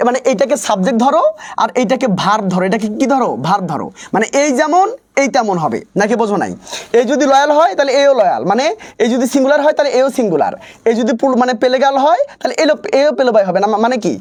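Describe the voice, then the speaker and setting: Fast, coaxing young male tutor. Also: very high-pitched. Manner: repetitive, coaxing, constantly checks understanding. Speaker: English tutor. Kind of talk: live online class, reading chat comments.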